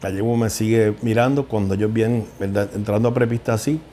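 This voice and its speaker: Mellow-voiced man telling stories. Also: on the low side, fairly even intonation, quick pace, slight background noise. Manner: heartfelt, repeats words as he searches for them. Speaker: equine veterinarian. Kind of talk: emotional interview storytelling.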